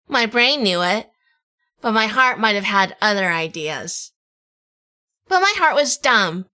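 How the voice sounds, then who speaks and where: A woman voices the lead and narrator of a noir audio drama, playing a wisecracking 1940s private eye in a high, sassy, pushed and bright performance that is heavily acted. Her detective is bossy, sardonic, and scolding, yet secretly lovestruck.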